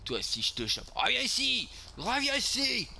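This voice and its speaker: Un homme qui joue un beauf ivre et vulgaire à l'marseillais, commentant sa partie de jeu vidéo, sur un fond de bruits de jeu bien audibles. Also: male voice, mid-range voice, animated, takes it slowly, creaky, bright, forceful tone, a little hiss or hum, exaggerated voice. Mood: grumbling. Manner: crude, vulgar grumbling, talking to himself while playing. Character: boorish drunk beer-loving lout, man, crude and brash. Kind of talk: game role-play commentary.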